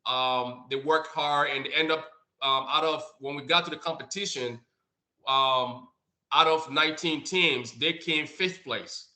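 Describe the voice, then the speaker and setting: A man's voice: a little high, a little slow, bright, forceful tone. A man from Liberia, a nonprofit co-founder and director, speaking on an online community call, often repeating words as he searches for them. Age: adult. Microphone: video call.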